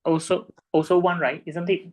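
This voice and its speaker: A man's voice: sits high, flat delivery, moderate pace, slight background noise. A man tutoring a student one-on-one in physics, patiently checking her understanding with frequent tag questions.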